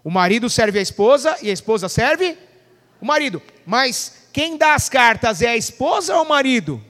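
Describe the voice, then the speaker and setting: A man preaches in a strikingly high voice, throwing questions at his congregation and waiting for answers. His voice rings with long reverb through a church hall. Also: big pitch swings, moderate pace, fairly bright tone. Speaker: pastor. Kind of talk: sermon.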